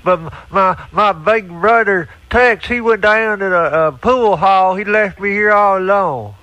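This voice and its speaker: Dopey, high-pitched stammering simpleton. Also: male voice, unhurried, sharp tone, no echo, rough recording. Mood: dim, earnest. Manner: stammering, repeating words, broken grammar. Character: dim-witted, whiny circus freak little brother in a wheelchair. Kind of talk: prank phone call character comedy.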